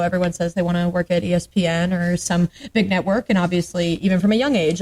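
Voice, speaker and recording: A sports journalist in her late twenties from the Atlanta, Georgia area guests on a podcast for a casual interview chat. Her lowish, slightly mellow voice sounds upbeat and full of ums, captured in a low-quality recording.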